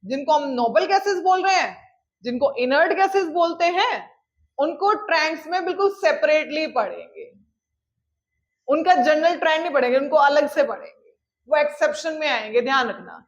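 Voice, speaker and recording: A woman teaching a chemistry lecture who mixes in English terms, dictates definitions slowly and keeps checking that students follow. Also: high voice, expressive, lo-fi sound. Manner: checks in often with "clear?", calls students "beta". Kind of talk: classroom lecture.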